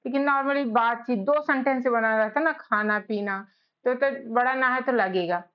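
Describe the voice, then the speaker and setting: A woman teaching a spelling lesson, spelling out letters one by one in a slow, patient way. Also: on the high side. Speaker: English teacher. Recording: slightly dull lo-fi recording.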